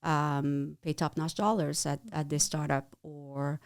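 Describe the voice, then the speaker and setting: Middle-aged French-accented woman, smooth, dry close mic, halting interview guest. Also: sits low, flat delivery, darkish tone, no echo. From France. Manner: halting, with many restarts and fillers. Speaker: guest, chief marketing officer. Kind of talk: casual interview.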